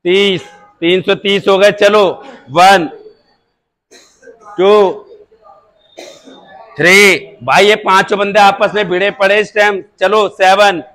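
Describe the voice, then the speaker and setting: High-voiced gym trainer counting squat reps slowly. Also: male voice, low-quality recording. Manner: slow steady rep counting with short urging shouts. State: dry throat from counting. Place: indoor gym.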